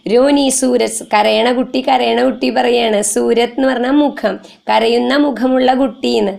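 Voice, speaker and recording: A woman teacher explaining a story line by line for an exam, reading passages slowly, then explaining them and asking and answering her own questions. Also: on the high side, steady tone, creaky, darkish tone. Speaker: Hindi teacher.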